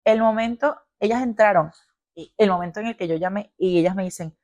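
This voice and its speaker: A young woman, co-hosting a podcast and telling a personal story in a lively, slangy, frank way. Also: medium pitch, fairly quick, dry recording, dull audio. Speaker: podcast co-host. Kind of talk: casual chat.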